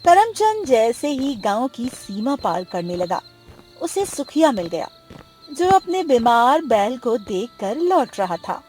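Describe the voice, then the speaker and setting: A woman narrating a cartoon moral story in a dramatic, expressive way. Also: on the high side, slow, faint music behind.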